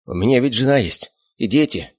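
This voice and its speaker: Мужчина озвучивает тщедушного перепуганного пленника, который ноет, заикается и умоляет. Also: male voice, a little high, sing-song, brisk, vocal fry, breathy edge, pitched above the performer's own voice, full character voice. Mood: frightened, whining. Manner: whining, stammering, pleading. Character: scrawny frightened male captive, whiny and cowardly.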